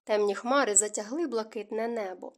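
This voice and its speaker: A woman narrating a historical romance audiobook in a smooth, even storytelling manner. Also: on the high side, a little fast. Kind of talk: scripted narration.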